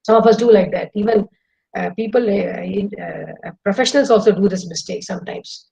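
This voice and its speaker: Speaking briskly in a medium-pitched, creaky voice, a middle-aged woman with an Indian English accent delivers a lively webinar to students over a video call as guest speaker, using demonstrations. The recording has its highs cut off.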